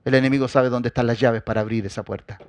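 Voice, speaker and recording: A man preaching a sermon as pastor. He addresses the congregation directly and swings between loud, forceful emphasis and quiet asides. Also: medium pitch, steady tone, fast talker, no room sound.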